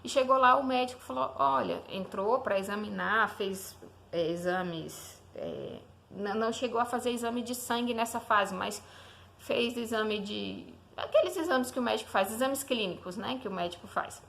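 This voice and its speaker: A young woman shares a personal faith testimony about her newborn son, speaking casually and directly to the listener. She often checks in with a questioning "né?" as she goes. Her voice sits slightly higher than average. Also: lively intonation, normal speed, creaky, a bit bright. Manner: conversational, often asks the listener "né?". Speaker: mother telling her baby's story.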